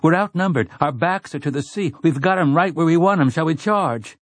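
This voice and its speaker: A man reading an audiobook, putting on a wounded young gunslinger who jokes in the face of death, his husky voice pushed a little higher than the narration. The delivery is jaunty and mocking, close and dry with no room around it. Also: lively intonation, a little fast, no echo. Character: dying young male gunslinger, reckless and laughing. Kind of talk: audiobook character voice.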